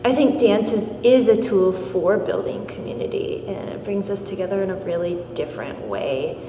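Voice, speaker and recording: A woman's voice: mid-range voice, lively intonation, moderate pace, mellow. A young adult woman, an MFA dance student, giving thoughtful, earnest interview answers. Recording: echoey hall, noisy.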